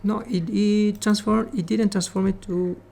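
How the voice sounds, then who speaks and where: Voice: mid-range voice, steady tone, unhurried, gravelly, warm tone. Caribbean-Spanish-accented coding teacher. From Latin America, Caribbean. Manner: repeats 'remember' and 'okay', explains step by step, coaxes students. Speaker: programming instructor. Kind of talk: live coding class with students.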